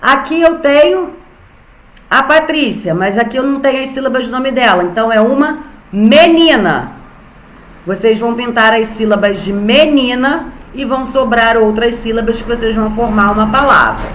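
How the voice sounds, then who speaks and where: A woman's voice: a little high, moderate pace, a bit bright, reverberant, rough recording. A young Brazilian woman teaching an online class to small children, patiently spelling out syllables. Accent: Brazilian Portuguese. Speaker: primary school teacher.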